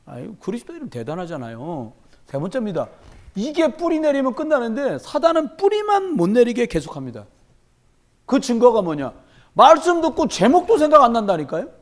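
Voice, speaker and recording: A pastor speaks at a midweek service in church, his very high voice running a little fast. He preaches emphatically and with animation, telling stories laced with humor.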